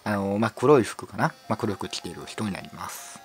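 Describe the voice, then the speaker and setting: A hoarse man commentating a game, reading its dialogue aloud with frequent giggles, stumbles and asides. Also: on the low side, expressive, fairly quick, soft background music. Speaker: game streamer. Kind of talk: playful let's-play commentary reading game text aloud.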